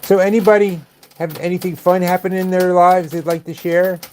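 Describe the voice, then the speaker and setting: A man's voice: sits high, little pitch movement, normal speed, darkish tone, slight background noise. An older man hosting a casual live stream, chatting to viewers with dry, wisecracking asides.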